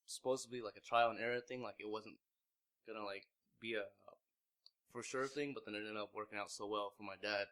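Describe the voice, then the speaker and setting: This lowish male voice stays fairly even in intonation and moves briskly, with a fairly bright, clean tone. He's a Vietnamese clothing brand founder in his mid twenties, chatting through his story in a relaxed interview full of fillers, constant "like"s, and frequent false starts.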